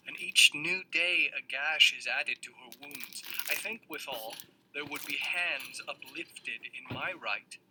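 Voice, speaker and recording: A guarded, testing young prince speaks in measured, solemn classical verse, played by a man. The voice sits at an ordinary pitch. A steady hiss of noise runs under the old recording. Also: natural voice. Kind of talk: classical stage verse reading. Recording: noisy old audio recording.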